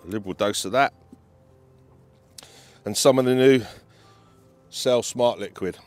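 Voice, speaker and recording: A British man presents a fishing feature as an angler, explaining things to camera in an instructional talk outdoors on a lake bank. His mid-range voice is unhurried and carries a British accent, with faint music behind him.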